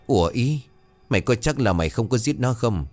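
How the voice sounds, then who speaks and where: A man's voice: medium pitch, lively intonation, fairly quick, darkish tone, soft background music, voice pushed up, close to an everyday voice. A man doing a jumpy young apprentice. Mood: nervous teasing. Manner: blurting, teasing.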